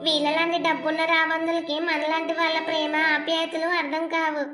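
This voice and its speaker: A woman's voice: very high-pitched, completely flat delivery, fairly quick, roomy sound, music in the background. A woman voicing a fierce, loyal young village wife in a cartoon, defiant and commanding. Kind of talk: animated cartoon voice acting.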